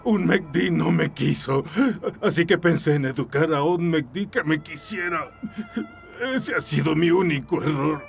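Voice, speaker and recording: An actor dubbing a grief-stricken, unhinged father in a TV drama, pleading in a gravelly voice and repeating denials. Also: a little high, unhurried. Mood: desperate. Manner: repeats denials, slides into a sobbing lullaby. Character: grief-stricken father, unhinged, denying his son's killing. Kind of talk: dubbed TV drama.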